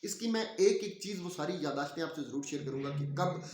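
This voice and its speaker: A man's voice: on the high side, expressive, fairly quick. A man gives an opinionated political commentary vlog, talking emphatically with frequent filler sounds. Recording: roomy echo.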